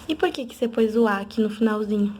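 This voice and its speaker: A woman, a literacy teacher, patiently sounding out letters slowly and clearly in an instructional video for parents. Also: medium pitch, darkish tone.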